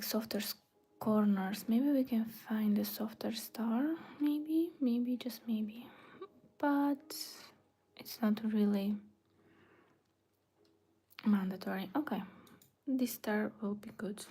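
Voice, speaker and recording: A Bulgarian woman designs a website on a casual livestream, murmuring her thoughts half to herself and often dropping close to a whisper. Her voice is a little high, slow and dark-toned, with a breathy edge.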